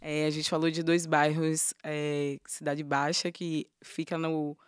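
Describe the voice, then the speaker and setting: A woman's voice: deep voice, level tone, measured pace, smooth, dry recording, clean studio sound. Woman hosting a podcast. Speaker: podcast host. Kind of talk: casual podcast conversation.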